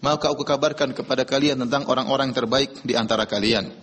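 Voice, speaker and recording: A man giving a religious lecture, animated, asking rhetorical questions and reciting Arabic quotations before explaining them. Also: medium pitch, fast, breathy edge, long reverb tail. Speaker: preacher.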